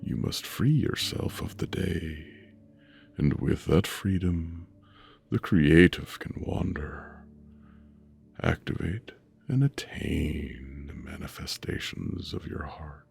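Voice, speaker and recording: Male meditation narrator, bottomless gravelly rumble, unhurried soothing delivery with long pauses, music underneath. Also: lively intonation. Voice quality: deep rumbling voice. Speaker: meditation guide. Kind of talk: guided sleep meditation narration. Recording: soft music bed under voice. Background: soft music.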